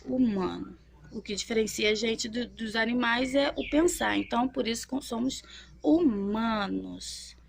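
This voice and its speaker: A young woman teaching a children's literacy lesson, drawing as she talks and slowly sounding out syllables, often checking in with the listener. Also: fairly high pitch, vocal fry, darkish tone. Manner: checks in often with tag questions.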